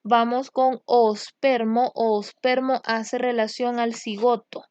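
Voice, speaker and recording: A woman's voice: on the high side, level tone, takes it slowly, darkish tone, no room sound, lo-fi sound. A young adult woman teaching medical word roots in a casual spoken lesson, repeating terms and stretching key words as she explains.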